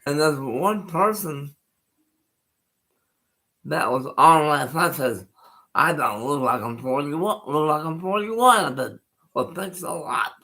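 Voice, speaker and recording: A sixty-year-old man talks casually to his livestream viewers, taking his time over every phrase. His voice sits bright and forward, and he rambles, circles back to repeat himself, and chuckles between remarks. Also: on the high side, lively intonation, takes it slowly, pauses often, low-quality recording. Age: 60s. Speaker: live streamer.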